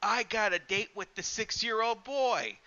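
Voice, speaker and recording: A taunting killer doll with a high, sneering voice, put on by a man mid-podcast. The lines come out bright and cutting, and the lo-fi mic dulls the sound. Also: a little slow. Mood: menacing.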